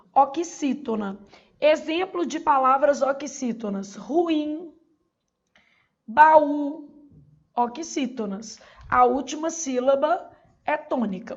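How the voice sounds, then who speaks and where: A Brazilian woman with a high, creaky voice teaches Portuguese for exam preparation, and the recording has its highs cut off. Her approach is didactic: she asks her own questions and answers them.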